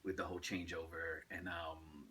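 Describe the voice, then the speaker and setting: A man, an actor telling stories in a casual chat, halting and restarting as he recalls. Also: deep voice, level tone, bright, forceful tone, recorded from a distance, a little hiss or hum. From New York. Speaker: guest actor.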